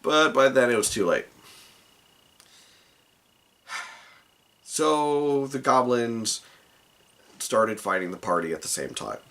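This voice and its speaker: A man's voice: medium pitch, expressive, slow, pauses often, fairly bright tone. A man recounting a tabletop game session as the dungeon master, rambling with many asides. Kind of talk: casual tabletop game recap.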